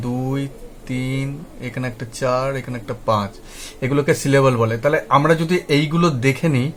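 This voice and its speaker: A man with a Bengali accent teaching English pronunciation, spelling letters slowly and repeating each sound, often checking that his listeners follow. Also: medium pitch, a little hiss or hum. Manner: often asks "ঠিক আছে?" to check understanding. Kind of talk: slow spelled-out pronunciation lesson.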